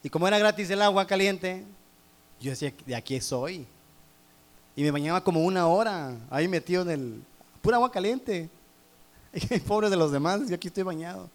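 A man's voice: high voice, a little fast. A man with a Mexican accent, preaching a sermon through a humorous personal story, teasing the congregation. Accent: Mexican Spanish.

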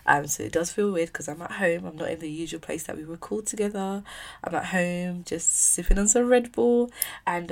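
A woman's voice: low voice, creaky. A woman in her mid-twenties with a South East London accent, chatting casually and candidly as a solo podcast host recording at home. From south-east London, England.

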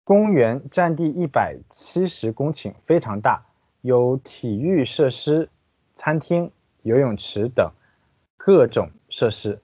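A man acting as a language teacher, translating sentences and explaining pronunciation slowly and deliberately. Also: medium pitch, expressive, mellow, breathy edge, no room sound, highs cut off. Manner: slow, deliberate, careful explanations.

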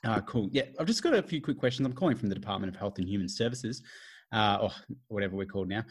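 A man's voice: on the low side, expressive, fast talker, breathy edge. A man improvising a defensive mid-forties husband who later plays a fussy hotline caller. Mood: officious. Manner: defensive, officious. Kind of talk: improvised comedy sketch.

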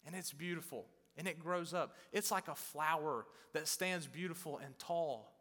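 A man in his thirties, a pastor giving a sermon in a conversational way, growing loud and intense on key points. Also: a little high, normal speed. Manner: conversational preaching, swelling loud on emphasis. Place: large church hall. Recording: long hall reverb.

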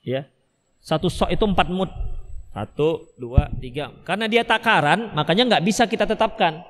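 A man's voice: high voice, expressive, normal speed, a bit bright, big-room sound. A male Islamic preacher with a Medan Indonesian accent, giving a religious study lecture and answering questions, acting out little husband and wife dialogues.

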